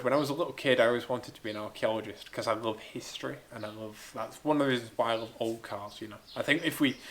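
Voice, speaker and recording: A man's voice: medium pitch, a bit bright. A man who grew up in Spain, chatting enthusiastically as he answers viewer questions in a casual Q&A vlog about building a car. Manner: chatty, enthusiastic, thinking aloud. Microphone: small camera-mounted mic.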